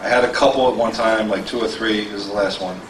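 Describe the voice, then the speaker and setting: Brief: middle-aged male auctioneer, wisecracking, fast bid calls, recorded from far off in a reverberant hall with faint noise. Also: lowish voice, steady tone. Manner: joking, self-deprecating banter with the crowd; rapid bid calling. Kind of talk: live auction calling. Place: large convention hall with a crowd.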